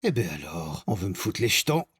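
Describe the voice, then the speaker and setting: A man playing a reckless, laid-back cartoon gambler with a husky, breathy voice and an offhand manner. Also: low-pitched, big pitch swings, heavily acted. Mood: carefree. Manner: slow, offhand, unbothered. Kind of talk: animated cartoon dialogue.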